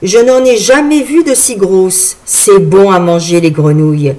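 A woman's voice: medium pitch, a little slow, a little mellow, close to an everyday voice. A woman reading the lines of a mocking young male colonel in a storybook reading. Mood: teasing. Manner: teasing, laughing.

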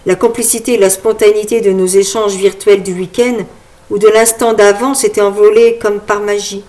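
A woman narrating a first-person novel as an audiobook, in a smooth, even storytelling delivery. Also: mid-range voice, moderate pace.

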